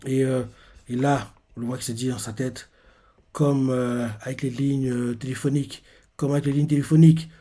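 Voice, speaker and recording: A man's voice: mid-range voice, level tone, normal speed, warm tone. A man casually retelling manga chapters and reacting to them, talking in loose rambles full of fillers.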